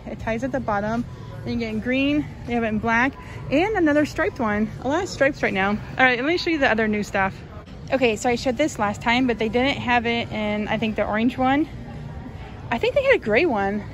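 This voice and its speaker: Chatty woman shopping in a store. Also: fairly high pitch. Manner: chatty, upbeat, many fillers. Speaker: shopping vlogger. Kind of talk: casual shop-with-me narration. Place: large retail clothing store.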